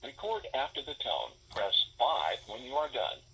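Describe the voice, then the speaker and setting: A man's voice: medium pitch, wildly swooping pitch, normal speed, vocal fry, lo-fi sound, noisy background. A synthetic male voice giving clipped, automated prompts from the speaker of a landline answering machine.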